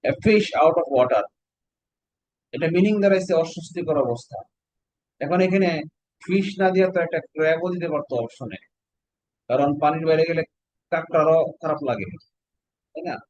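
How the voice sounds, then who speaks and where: A man's voice: fairly high pitch, a little mellow, no room sound, lo-fi sound. Man teaching with rhetorical questions. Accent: Bangladeshi. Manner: explains slowly, quizzes students with questions. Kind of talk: online exam-prep lecture.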